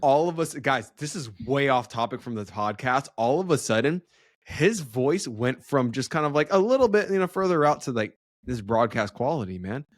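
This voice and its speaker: A man of middle pitch jokes around on a podcast, full of energy and casual slang. His voice is close and dry with no room sound. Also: lively intonation, normal speed, no room sound. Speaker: podcast co-host. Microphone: podcast microphone.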